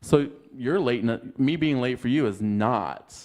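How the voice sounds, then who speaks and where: A man's voice: mid-range voice, unhurried, darkish tone. A man co-hosting a podcast, ranting casually with a sassy, profane edge. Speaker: podcast co-host. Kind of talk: casual chat.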